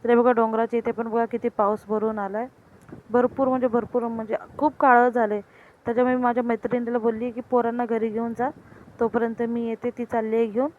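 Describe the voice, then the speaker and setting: A woman's voice: a little high, level tone, fairly quick, narrow, tinny audio, a little hiss or hum. A woman chatting casually on her family vlog as she walks home and then talks with her young daughter at home. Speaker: vlogger and mother. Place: outdoors on a village path, then at home.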